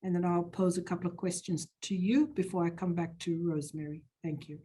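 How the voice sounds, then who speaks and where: A woman moderates a webinar panel. She thanks each speaker and asks polite, measured questions before handing over the floor. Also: on the low side, fairly even intonation, warm tone, a little hiss or hum.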